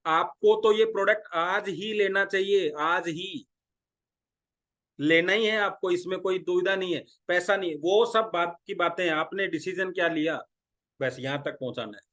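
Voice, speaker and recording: A man's voice: sits high, normal speed, fairly bright tone. A middle-aged man from India giving a sales training talk, who acts out dialogues and keeps asking his listeners questions. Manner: talks through role-played dialogues, asking the audience questions. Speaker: direct selling trainer.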